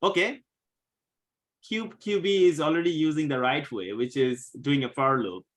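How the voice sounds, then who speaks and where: A man teaching a live coding class, patiently walking students through code step by step, a bit hoarse as he loses his voice. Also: a little high, normal speed. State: losing his voice, coughing. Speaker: coding instructor.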